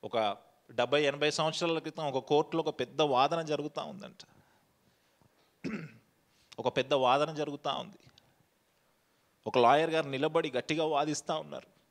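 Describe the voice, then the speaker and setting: A man's voice: fairly high pitch, fairly even intonation, normal speed, gravelly, pauses often. A male pastor giving a sermon, firing rhetorical questions at the congregation and dropping English phrases into his preaching.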